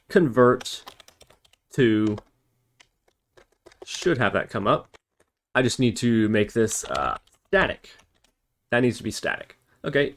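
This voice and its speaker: A medium-pitched man runs a casual screencast coding tutorial as a programming instructor, thinking aloud through each step while he types. The recording carries background hiss, with keyboard typing and mouse clicks audible throughout.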